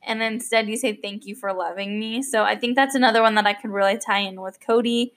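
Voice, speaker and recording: Speaking fairly quickly in a mid-range, fairly bright voice with fairly even intonation, a young female podcast host delivers an unscripted, casual monologue. She sounds slightly choked up, rambling and restarting often, with lots of fillers.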